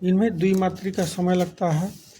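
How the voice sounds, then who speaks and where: A man's voice: high-pitched, fairly even intonation, moderate pace, dark tone, breathy edge. A man teaching a grammar lesson, defining each term, then spelling out letters and counting them aloud one by one. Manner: defines terms then repeats them for emphasis.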